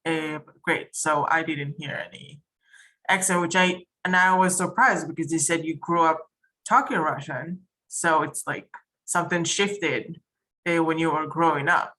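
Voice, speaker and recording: Low-voiced woman organizer on a video call. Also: measured pace, bright, forceful tone, poor audio. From Israel. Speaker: event organizer. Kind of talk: casual Q&A.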